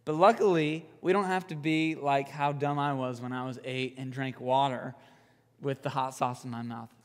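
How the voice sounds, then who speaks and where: A young man preaching a youth sermon, an animated storyteller who jokes and uses fillers. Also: mid-range voice, moderate pace, big-room sound. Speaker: youth pastor. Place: youth group room.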